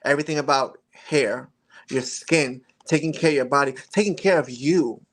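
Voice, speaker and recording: Medium in pitch and moderate in pace, a man in his forties, a model appearing as an interview guest, speaks earnestly and reflectively about his journey. The chat is casual, with occasional laughs and restarts.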